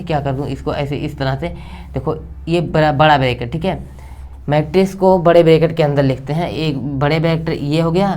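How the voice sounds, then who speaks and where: A man's voice: on the high side, a little mellow. A young man teaching a math lesson at a board in a chatty, repetitive way, often checking in with his students and cracking jokes. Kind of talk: casual blackboard math lecture.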